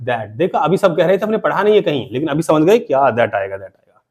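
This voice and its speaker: Male classroom teacher, high and very animated pitch; call-and-response questioning. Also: a little fast. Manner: call-and-response questioning, repeats key terms. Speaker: English teacher. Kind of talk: classroom grammar lesson. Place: classroom with students.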